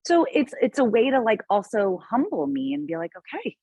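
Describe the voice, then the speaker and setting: A woman's voice: a little high, sing-song, fairly quick, dark tone, husky, no echo. A woman guest in a casual interview, speaking earnestly and reflectively with frequent restarts.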